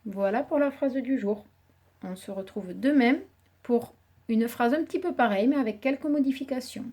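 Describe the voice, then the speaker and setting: A woman primary school teacher, giving a slow, patient dictation lesson to young children, spelling words syllable by syllable. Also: on the high side, dark tone.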